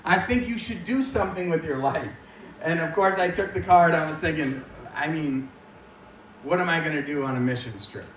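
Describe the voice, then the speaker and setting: In an echoey, slightly distant recording, an American man in his forties from Maine preaches his personal testimony as a guest speaker at church, addressing a gathering in a large indoor room. His voice is a little high for a man and a bit bright, at a moderate pace. He talks informally and jokes at his own expense, with faint noise underneath.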